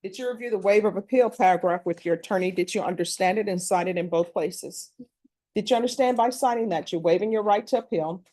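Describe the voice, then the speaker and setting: A woman judge on a courtroom recording, reading formal questions one after another in a brisk, practiced way. Her voice is mellow and on the dark side, pitched in the middle for a woman. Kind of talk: formal plea admonishments.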